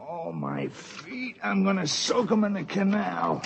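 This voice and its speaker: A man's voice: high-pitched, huge pitch swings, measured pace, vocal fry, lo-fi sound, full character voice. An actor playing a crude, grumbling spaceman with slangy, scornful speech in a 1950s radio drama. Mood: griping, scornful. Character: loudmouthed, grumbling, crude spaceman with sore feet. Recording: noisy vintage 1950s radio recording.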